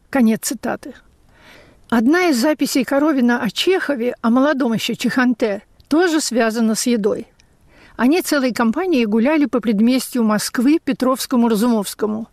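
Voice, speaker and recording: A woman radio essayist reading her memoir-style script in a measured, reflective way. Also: fairly high pitch, a little mellow, no room sound, clean studio sound.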